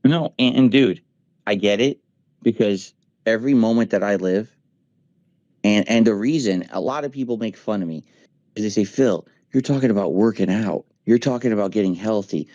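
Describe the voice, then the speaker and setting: A man's voice: on the low side, moderate pace, a little mellow, no echo, highs cut off. A man in his forties in a casual voice chat, talking emphatically and venting with profanity. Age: 40s. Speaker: streamer. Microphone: voice chat mic.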